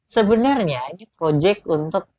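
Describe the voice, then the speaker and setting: A young man co-hosting a casual podcast chat, talkative and quick to laugh, with many asides. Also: high-pitched, expressive, a little mellow, dry recording. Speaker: podcast co-host. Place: small room at home.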